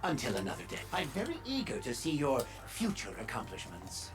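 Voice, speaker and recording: A woman's voice: a bass voice, wildly swooping pitch, a little fast, over music, heavily acted. A woman voicing an eccentric, wordy professor in a video game, courtly and coy, with florid, theatrical, hesitant phrasing. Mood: airy, pleased. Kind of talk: English video game voice acting.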